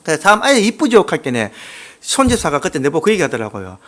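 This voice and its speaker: A man with a Gyeongsang accent preaching a sermon as a church pastor, emphatic and folksy, telling stories and dropping suddenly into quiet asides. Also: a little high, huge pitch swings, fast talker. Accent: Gyeongsang Korean.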